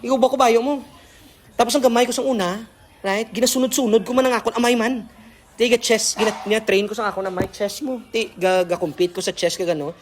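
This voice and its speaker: A man's voice: sits high, fairly even intonation, fast, slight background noise. A young man preaching a devotional sermon, switching between languages and often asking his listeners if they follow. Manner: code-switching, keeps checking in with listeners.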